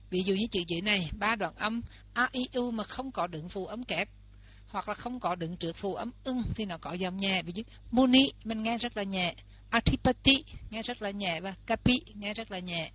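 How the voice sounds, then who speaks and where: A woman's voice: mid-range voice, normal speed, fairly bright tone. A woman giving a lesson, explaining step by step and repeating example words aloud. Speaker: teacher. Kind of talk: lesson on Pali pronunciation. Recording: dull lo-fi recording.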